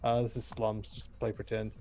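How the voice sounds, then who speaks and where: A man's voice: lowish voice, completely flat delivery, normal speed, a little mellow, faint music behind. A man narrating as game master of a tabletop game in a plain, matter-of-fact way.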